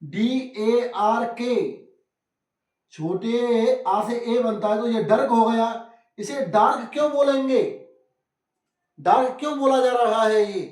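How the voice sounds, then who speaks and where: A man gives a phonics lesson, spelling out letters one at a time and calling his viewers friends. His voice is extremely high, unhurried, and a little mellow, heard from a distance in an echoey room.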